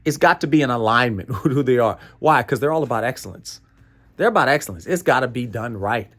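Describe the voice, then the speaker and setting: An American man talks fast in an animated, mid-range voice with a bit of brightness. Presenting a motivational training talk, he's emphatic and playful, repeating phrases and checking in with "right?" between playful asides and chuckles.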